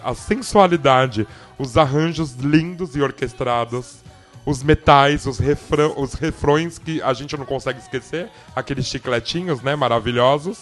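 A man co-hosting a casual radio chat about music, playful and giggly, talking through a head cold. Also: on the high side. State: has a cold. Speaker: podcast co-host.

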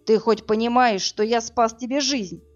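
A woman's voice: fairly high pitch, moderate pace, close to an everyday voice. A cocky, brusque tough guy voiced by a woman reader speaks in short, mocking bursts. The recording is muffled, with faint music underneath. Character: burly male rescuer, cocky and brusque. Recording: dull lo-fi audio, faint music.

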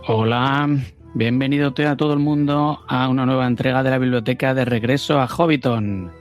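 A man with a Spanish accent hosting a podcast, relaxed and casual, with fillers. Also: medium pitch, moderate pace, faint music behind. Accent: Spanish (Spain). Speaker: podcast host. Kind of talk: casual introduction.

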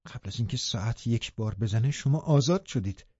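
A man voicing a bitter, vengeful young man in an audiobook, talking loud and threatening. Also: medium pitch, expressive, slightly rough, dry recording. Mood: raging. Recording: muffled lo-fi recording.

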